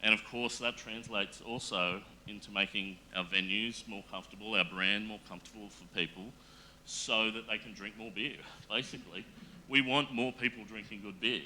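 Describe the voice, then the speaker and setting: A man speaking on a panel in a casual, earnest way, halting often with fillers and restarts. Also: fairly low pitch, steady tone, sharp tone, slight background noise. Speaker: panel guest.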